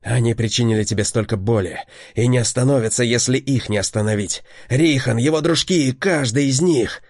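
An enraged young protector, voiced by a male narrator, roaring threats in a loud, slightly raised voice. He sounds desperate and wild, as if grief has turned to fury. The recording is dry and close. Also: mid-range voice, normal speed, few pauses, no room sound, pitched above the performer's own voice, close to an everyday voice. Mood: raging. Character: enraged wounded young man, fierce protector.

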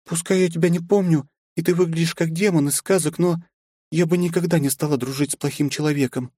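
A man's voice: steady tone, a little fast, dark tone, slightly rough, dry recording, studio quality. A man doing a commanding young noblewoman. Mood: earnest. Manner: high falsetto, firm and imperious. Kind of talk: audiobook character voice.

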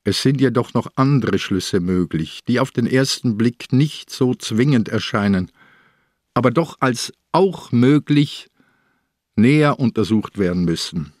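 An actor playing a calm, shrewd aging police inspector in a radio play, reasoning aloud in a measured way. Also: male voice, medium pitch, no room sound, studio quality. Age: older.

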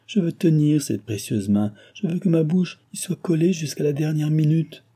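A man's voice: on the high side, moderate pace, dark tone, husky, voice pushed up. A man voicing a distraught young woman who pleads and sobs at a sick friend's bedside. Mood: desperate. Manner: pleading, sobbing, exclamatory.

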